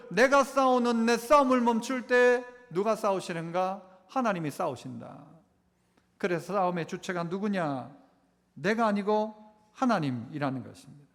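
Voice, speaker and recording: A pastor preaching a sermon, repeating points and putting rhetorical questions to the congregation. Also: male voice, very high-pitched. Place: church sanctuary. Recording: echoey church sanctuary.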